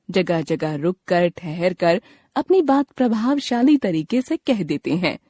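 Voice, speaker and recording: Slow, expressive female lesson narrator. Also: lowish voice, no echo. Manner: slow, clear, expressive teacherly reading. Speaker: textbook narrator. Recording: dry close studio recording.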